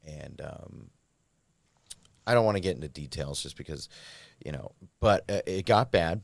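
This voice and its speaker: Deep-voiced man telling his recovery story. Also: expressive, normal speed, creaky, no echo. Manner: candid, rambling storytelling with many fillers. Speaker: podcast guest.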